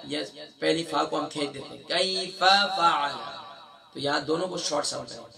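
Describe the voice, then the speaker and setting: High-voiced man teaching Quran recitation. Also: fairly even intonation, gravelly, a bit bright. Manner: explains errors quickly, then chants verses slowly. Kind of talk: recitation lesson with chanted verses.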